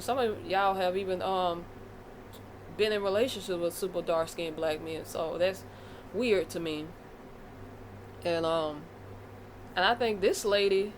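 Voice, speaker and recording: A woman's voice: fairly low pitch, slight background noise. An American woman vlogging a casual commentary rant, blunt and profane, with a fired-up delivery. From United States.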